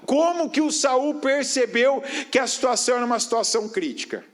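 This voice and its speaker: Guy preaching, high voice, keeps asking the crowd questions, goes loud then drops low. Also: animated, a little fast. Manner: rhetorical questions to the congregation; swings between raised emphatic phrases and low, quiet stretches. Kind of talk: sermon.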